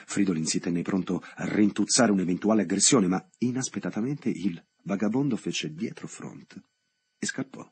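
Deep husky guy reading a novel out loud, slow and dramatic with lots of pauses. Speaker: audiobook reader. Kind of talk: scripted literary narration.

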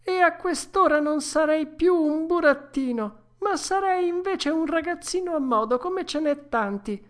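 A woman's voice: high-pitched, measured pace, voice pushed up. A woman voicing a young wooden puppet boy who whines and pleads, frightened and impulsive. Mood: distressed. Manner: whiny, pleading, loud.

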